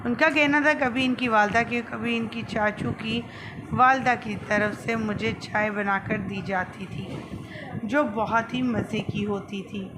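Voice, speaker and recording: A woman's voice: a little high, steady tone. A woman with a Pakistani accent hosts an online video channel, narrating news in a presenter's style. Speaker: YouTube channel host. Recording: clearly noisy background.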